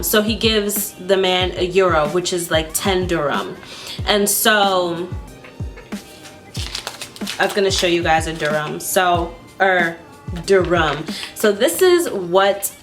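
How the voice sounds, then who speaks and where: A woman vlogger telling a travel story to camera in a chatty, casual way, full of "like" fillers and lively re-enactments. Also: on the low side.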